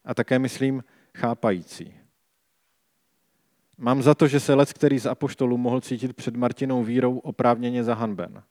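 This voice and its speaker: A man gives a calm, measured reading of scripture and then reflects on it like a preacher. His voice sits at an ordinary pitch. The sound is dry and close, with no room echo.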